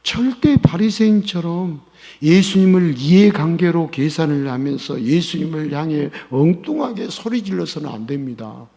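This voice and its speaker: A male pastor preaching a sermon, swinging between hushed pleading and loud emphatic calls. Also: a little high, lively intonation, moderate pace, vocal fry. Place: church sanctuary. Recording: church hall with long reverb.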